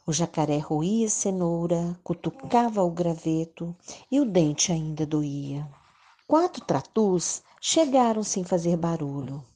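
A woman's voice: lowish voice, lively intonation, unhurried, mellow. A Brazilian woman narrating a children's story expressively, in the manner of a kids show host.

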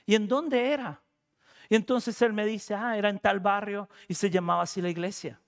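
High-voiced male preacher telling a story. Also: brisk, gravelly, clear, resonant tone. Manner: conversational, animated storytelling with laughs and quoted voices. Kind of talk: sermon storytelling.

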